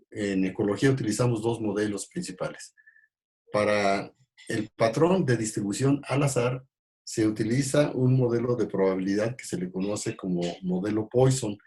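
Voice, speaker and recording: A man gives an ecology lecture in a fairly low voice. He talks in halting stretches, full of fillers and restarts. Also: darkish tone. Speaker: ecology teacher. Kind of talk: recorded class lecture.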